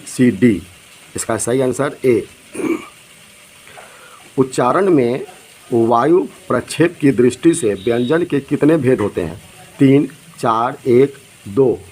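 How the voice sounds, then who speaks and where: A man's voice: medium pitch, lively intonation, slow, dark tone, poor audio. A man teaching an exam lesson, reading out each multiple-choice question and its options, then giving the correct answer.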